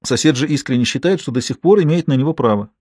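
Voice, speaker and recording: A man reading an audiobook, voicing an angry woman who shouts sharply and cuts people off. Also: medium pitch, quick pace, no echo, studio quality, natural voice. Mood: explaining. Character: furious fiery woman, mid-argument. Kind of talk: audiobook character voice.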